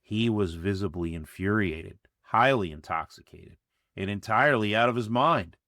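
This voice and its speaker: A man narrating a personal story and hosting his storytelling show in scripted, expressive delivery. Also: on the low side, normal speed, dry recording, clean studio sound. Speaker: storyteller and channel host.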